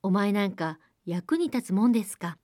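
A woman's voice: medium pitch, expressive, moderate pace, dark tone, no room sound, clean studio sound, natural voice. A woman voicing a spoiled young princess who talks haughtily and dismissively. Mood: haughty.

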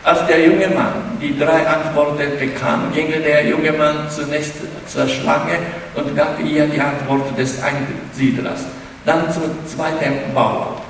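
A man's voice: on the high side, level tone, slow pace, a little hiss or hum. A man giving a spoken lecture, hesitant and often restarting his words. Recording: echoey hall, mic far off.

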